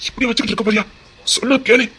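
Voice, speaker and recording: A man's voice: very high-pitched, steady tone, very fast, a crowd in the background. An actor playing a guilt-ridden young husband with a Tirunelveli Tamil accent, coaxing urgently, his voice choked with remorse. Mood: anguished coaxing. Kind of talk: melodramatic web-series acting.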